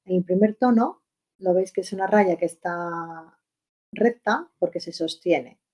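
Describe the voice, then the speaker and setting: A woman gives an online language lesson through a computer mic. Her voice sits slightly low, and her explanations run on in a friendly, unhurried rhythm full of fillers and rhetorical questions. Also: mellow. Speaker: Chinese language teacher. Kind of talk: webinar lesson.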